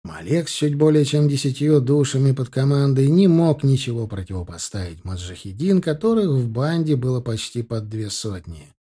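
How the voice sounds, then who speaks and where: Expressive male audiobook narrator, mellow. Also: mid-range voice, moderate pace, hardly any pauses, breathy edge. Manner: dramatic, expressive. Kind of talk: scripted narration.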